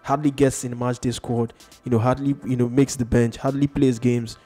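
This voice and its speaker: A man's voice: mid-range voice, flat delivery, moderate pace, warm tone, soft background music. A man hosting a casual sports chat, hesitant and full of fillers. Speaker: sports show host.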